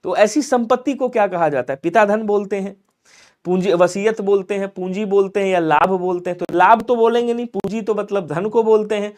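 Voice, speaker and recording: High-voiced man teaching a live class. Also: darkish tone. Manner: coaxing, repetitive, quizzes viewers and urges quick answers. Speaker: Hindi grammar teacher. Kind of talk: live online exam-prep class.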